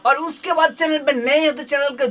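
A man giving excited gameplay commentary as a gaming video host, yelling repeated exclamations while he plays. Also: very high voice, moderate pace, far from the mic. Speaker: gaming YouTuber.

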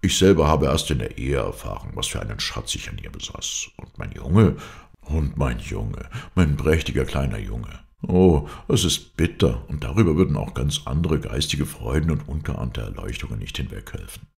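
A brooding, grief-struck man muses sadly on his fate in a hoarse voice, as a male reader gives him voice. The tone is extremely deep and gravelly, yet the pitch rises and falls widely. This is a storybook reading with a philosophical, mournful manner. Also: very animated, moderate pace, a little mellow, heavily acted. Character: melancholy, brooding man grieving his lost wife and son.

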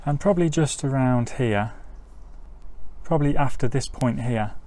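Here a middle-aged mechanic offers a relaxed, step-by-step technical walkthrough on an outdoor driveway, with clear ambient noise in the recording. His mid-range voice is mellow and moderately paced.

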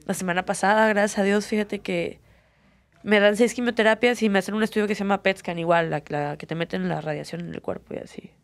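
A woman's voice: medium pitch, fairly even intonation, fast talker, no room sound. A young woman with a Mexican accent, an MMA fighter telling her story earnestly in an interview, with many fillers. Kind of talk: candid personal interview.

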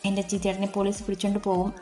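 A woman's voice: medium pitch, monotone, very fast, warm tone, soft background music, natural voice. A woman voicing a tearful young wife. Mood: anxious. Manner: pleading, tearful.

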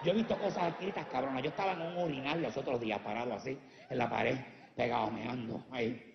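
A Puerto Rican man with a Puerto Rican Spanish accent performs brash, profane stand-up before a live crowd, teasing the audience. His mid-range voice moves fast, and the muffled recording carries the roomy sound of a big space.

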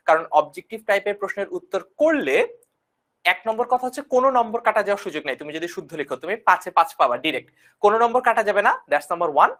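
Young woman online tutor, fast delivery, repeats and checks in often. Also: medium pitch, fairly bright tone. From Bangladesh. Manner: repeats key points and checks understanding often. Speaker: teacher. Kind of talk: online class lecture.

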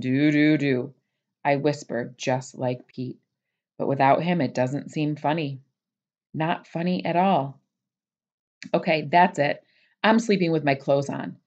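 A woman teacher reading a children's novel aloud to her class, expressive and lively with the narrator's asides. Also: sits low, measured pace, muffled recording.

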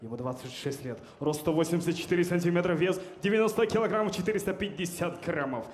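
A man's voice: fairly high pitch, fast talker. A young man working as a boxing ring announcer, formal and emphatic, delivering dramatic introductions on a handheld microphone. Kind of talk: theatrical boxing ring announcing, building to drawn-out shouted names. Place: large indoor boxing hall, in the ring. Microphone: handheld microphone through venue speakers. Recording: hall PA, long reverb, clear background noise. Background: hall ambience.

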